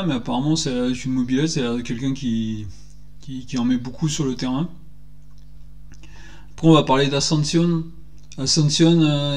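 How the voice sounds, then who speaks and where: A man in his forties giving an indignant, animated solo opinion talk, firing rhetorical questions, recorded on a desk microphone in a small room. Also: a little high. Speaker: football commentator vlogger. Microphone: desk microphone on stand.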